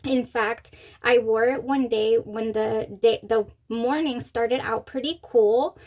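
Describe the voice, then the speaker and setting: A woman chatting casually to camera as a review host, excited and gushing, speaking with a slightly swollen mouth after having wisdom teeth out. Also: fairly high pitch, slow, rough recording. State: recovering from wisdom teeth removal, mouth swollen on one side. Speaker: fragrance review channel host.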